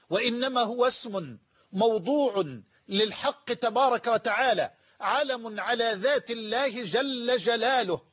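A man's voice: extremely high pitch, a bit bright, breathy edge, muffled recording. A middle-aged man preaching a sermon, teaching and repeating key phrases for emphasis.

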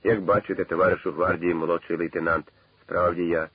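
A man's voice: low voice, level tone, a little fast, breathy edge, no room sound. A man reading the part of a jovial, wry mustached soldier in a radio reading. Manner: wry, joking. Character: jovial mustached male soldier, easygoing joker. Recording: tinny old radio broadcast.

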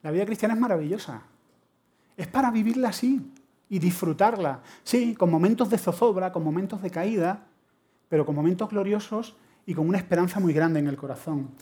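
A man's voice: high voice, a little fast, breathy edge. A middle-aged preacher with an accent from Spain delivers a sermon. He tells stories with humor and energy, shifting easily between jokes and earnest exhortation. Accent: Spain Spanish. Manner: animated storytelling with humor.

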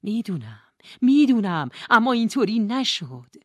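Brief: woman voicing an urgent, pleading young heroine in an audiobook, pitched up, dry recording. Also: animated, no echo. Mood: desperate. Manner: urgent, pleading, high and insistent.

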